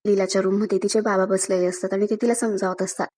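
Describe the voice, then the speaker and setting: A woman reviewing a TV serial, retelling an episode's events at a steady pace. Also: medium pitch, fast talker. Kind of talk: episode recap narration.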